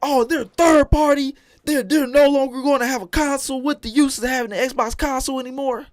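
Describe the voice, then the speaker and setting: A man putting on the voice of a panicking, whiny male gamer, with shrill mocking exclaims. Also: steady tone, a little fast, no echo, clean studio sound. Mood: mocking panic.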